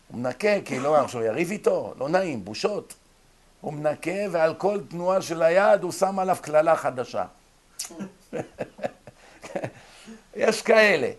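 Animated male Torah lecturer. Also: on the high side, pauses often. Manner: animated storytelling, acting out quoted voices; shifts between loud emphasis and quiet asides. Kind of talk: religious ethics lecture.

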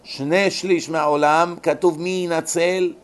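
A man giving a dramatic religious sermon, swinging between loud rebuke and hushed pleading. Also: on the high side, fairly even intonation. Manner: preachy, dramatic, acts out pleading voices. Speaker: rabbi lecturer.

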